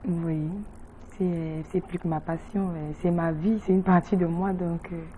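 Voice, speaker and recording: A woman from Cameroon, a cabaret singer giving calm, short interview answers. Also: on the low side, a little slow, a little hiss or hum. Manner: calm, short, quiet replies.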